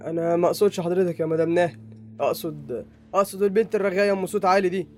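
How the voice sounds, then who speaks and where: A woman's voice: on the low side, fairly even intonation, racing, dark tone, pitched below the performer's own voice, natural voice. A performer voicing an indignant, stuffy male neighbour who complains about noise. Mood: irritated.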